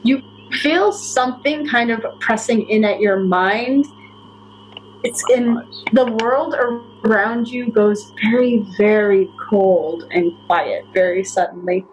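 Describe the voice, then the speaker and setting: A woman acting as game master, narrating a tabletop game in a measured, descriptive way. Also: mid-range voice, a little hiss or hum, poor audio.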